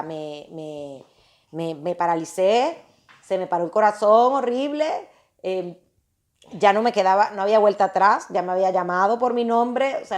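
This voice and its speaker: A woman tells her own story in a relaxed, chatty way, addressing her listeners directly. She is animated, circles back and repeats phrases as she goes, and her voice sits at an ordinary middle pitch for a woman. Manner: animated, restarts and repeats phrases, talks straight to the audience. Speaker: podcast host telling a personal story. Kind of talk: casual personal storytelling to listeners.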